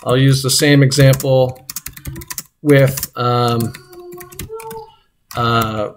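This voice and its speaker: A man explains web code step by step as he records his screen. His voice sits at a middle pitch. He talks in a halting, unscripted way, stopping often on fillers and restarts. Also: fairly even intonation, slight background noise. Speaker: teacher. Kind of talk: screen-recorded coding lesson.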